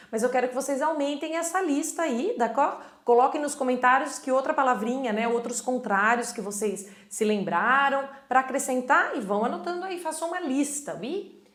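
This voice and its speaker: A woman teaching French vocabulary, modeling words slowly and checking in with short tag questions. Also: high-pitched, roomy sound. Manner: slow, careful French pronunciation drills, then tag questions. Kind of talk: vocabulary lesson in Portuguese.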